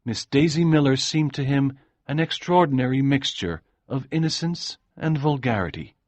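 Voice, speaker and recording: A man narrating an audiobook in a calm, measured way. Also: medium pitch, no echo.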